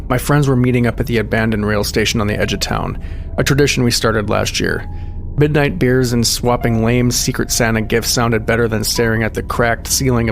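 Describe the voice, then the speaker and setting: A man reading a scripted horror story in a measured, suspenseful storytelling manner. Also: medium pitch, creaky, slight background noise. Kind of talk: scripted scary story narration. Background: music under the voice.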